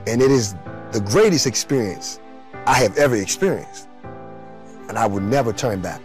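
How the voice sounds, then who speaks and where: A man's voice: lively intonation, normal speed, a little mellow, faint music behind. Earnest young man giving a testimony. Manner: earnest, emotional, with sudden rises in pitch. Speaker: testimony speaker. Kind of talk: personal testimony interview.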